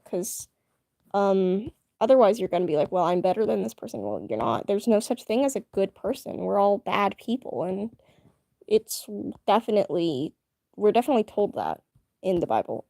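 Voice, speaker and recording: A woman's voice: medium pitch, mellow, no echo, clean studio sound. A young woman chatting casually with her live-stream viewers, rambling with lots of fillers and restarts.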